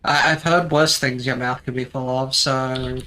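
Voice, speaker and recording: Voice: mid-range voice, fairly even intonation, measured pace, bright, forceful tone, slight background noise. A streamer chatting casually while playing a game, teasing a co-player and explaining things with a dry wit and lots of ums.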